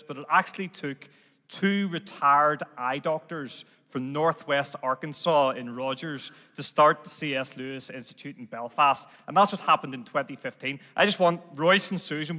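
A man's voice: medium pitch, sharp tone. A man with a Northern Irish accent addressing a church congregation as a visiting ministry leader. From Northern Ireland. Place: large indoor church, speaking from a stage. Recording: church hall with long reverb.

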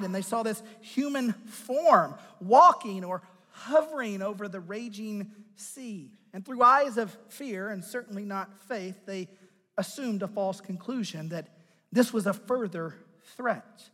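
Pastor guy preaching, pretty high voice, big echoey church hall, goes loud then drops way quiet. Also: measured pace. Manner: dramatic swings between loud emphasis and hushed low lines; asks the listeners direct questions. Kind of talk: sermon.

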